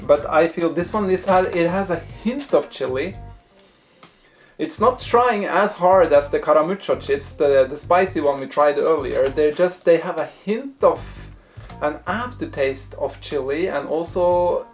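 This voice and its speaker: A man's voice: on the high side, a little slow, soft background music. A man presenting a casual taste-test review, thinking aloud in hesitant, broken phrases. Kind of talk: casual food review talk to camera.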